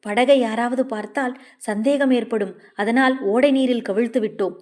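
A woman voicing a gentle young male singer. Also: a little high, moderate pace, lightly acted. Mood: earnest. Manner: soft-spoken, calling out loudly at times. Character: young man, gentle devoted temple singer.

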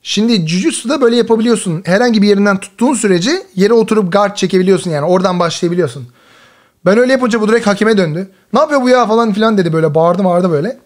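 Male host, 30s, high voice, casual storytelling with laughs and slang. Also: rapid-fire. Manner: animated, laughs often, uses slangy exclamations. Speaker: host and jiu-jitsu athlete. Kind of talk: casual reaction commentary and storytelling.

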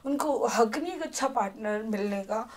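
High-voiced earnest young woman. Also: lively intonation, normal speed. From Himachal Pradesh, India. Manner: heartfelt, earnest, near tears at times. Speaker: podcast guest, vlogger. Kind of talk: emotional personal chat.

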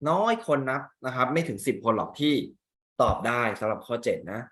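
Here an English teacher works through an exam reading in Thai, quizzing his class and pronouncing English words with a Thai accent. He has a medium-pitched, slightly bright voice and talks animatedly and a little fast, chatting and tossing out rhetorical questions, in a room with noticeable echo.

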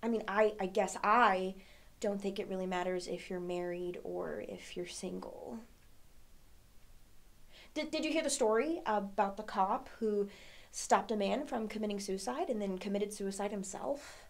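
A young woman performing a dramatic monologue as a troubled, pensive single woman, a halting, searching soliloquy full of hesitant pauses. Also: mid-range voice, creaky. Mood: searching, agitated. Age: young adult. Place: indoor studio against a plain backdrop.

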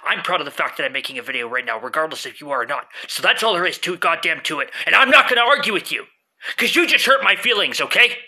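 A man's voice: mid-range voice, racing, hardly any pauses, bright, forceful tone, pitched below the performer's own voice. A man arguing with himself in a comic skit, playing a proud, easily hurt and defiant guy who repeats himself indignantly. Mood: hurt pride. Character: proud, hurt, defiant novice phone video maker. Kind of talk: comic self-argument skit. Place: small room indoors. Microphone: phone at arm's length.

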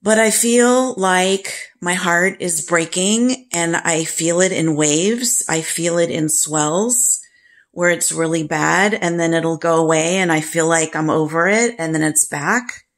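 A woman vlogger telling a personal story to camera in a slow, halting, grief-stricken way. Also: lowish voice.

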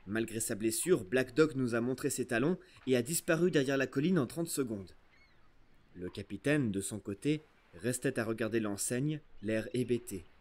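An audiobook narrator, a man, reads an adventure novel with expressive storytelling. His voice sits at an ordinary middle pitch. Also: moderate pace. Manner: expressive storytelling, first-person voice of a boy. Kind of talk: scripted narration.

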